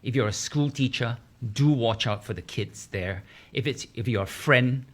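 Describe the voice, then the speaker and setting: A man's voice: medium pitch, normal speed. A man speaking as a talk show panelist, giving earnest commentary and urging listeners on. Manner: earnest, exhorting.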